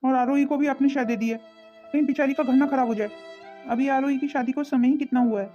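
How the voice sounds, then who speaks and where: A woman voicing a calm adult son in a cartoon, gentle and reasoning. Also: sits high, fairly quick, highs cut off, faint music behind, close to an everyday voice. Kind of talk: cartoon voice acting.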